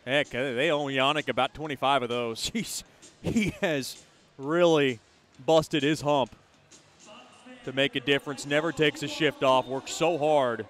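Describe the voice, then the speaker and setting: A man's voice: mid-range voice, unhurried, fairly bright tone, soft background music. A man giving live hockey commentary as play-by-play announcer, describing the action in short, clipped phrases.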